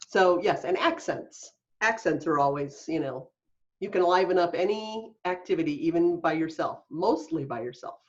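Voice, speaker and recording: A woman co-hosting a casual podcast chat, playful and quick to laugh, sometimes breaking into bits of song. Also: fairly low pitch. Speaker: podcast co-host. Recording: dull lo-fi podcast audio.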